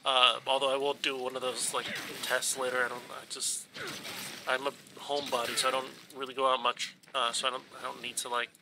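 Flat and a little fast, this mid-range male voice belongs to a gaming YouTuber whose nose is stuffed and runny. He rambles through casual let's play commentary on his footage, full of ums and false starts, with background noise behind him.

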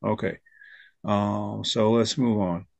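A man's voice: lowish voice, fairly even intonation, slow, vocal fry, a little mellow, no room sound. A man hosting a casual video-call discussion, talking hesitantly with lots of fillers. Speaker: host.

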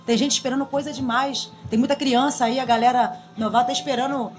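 Chatty rio woman, 40s, radio guest in a small studio, bit high voice, soft music under. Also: quick pace. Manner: lively, expressive, chatty. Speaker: samba school drum queen guest. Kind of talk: casual radio interview. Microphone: studio boom mic.

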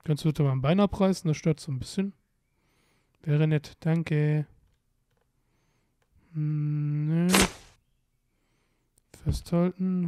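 A young man giving casual, playful commentary while playing a video game, often exclaiming and muttering to himself. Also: fairly high pitch. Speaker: let's play commentator.

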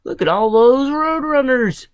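A woman's voice: lowish voice, wildly swooping pitch, moderate pace, creaky, a little mellow, heavily acted. A woman voicing a clumsy, eager young coyote in a storybook, in a hesitant, raised voice.

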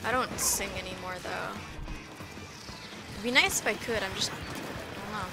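A woman's voice: mid-range voice, normal speed, creaky. Chatty young woman streamer, music behind. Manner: loose, chatty, swears freely, talks to chat. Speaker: VTuber streamer. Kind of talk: casual livestream chat while eating and gaming. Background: game music.

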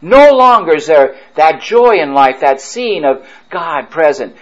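A priest preaching a retreat sermon, fervent and emphatic, drawing his phrases out slowly. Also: fairly high pitch, lively intonation, dull audio.

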